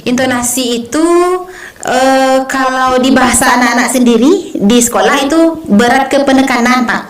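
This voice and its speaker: A woman teaching recitation technique in a relaxed talk with a male colleague, hesitating often and checking with him as she explains. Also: high-pitched, moderate pace. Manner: hesitant, many fillers, checks with co-host. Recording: echoey room.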